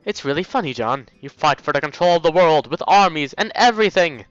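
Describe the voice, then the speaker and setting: A young man with a fairly high, expressive voice reads a visual novel aloud at a quick clip, playing let's play host and joking around as he trips over lines. His tone is a bit bright and dry, with no room sound. The dull, lo-fi mic also picks up the game music.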